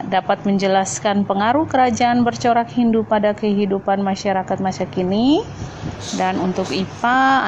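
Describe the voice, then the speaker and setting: A woman teaching young pupils in a recorded lesson, speaking in a bright, sing-song classroom voice and slowing down to recite a poem. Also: mid-range voice, dull audio, slight background noise. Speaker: primary school teacher.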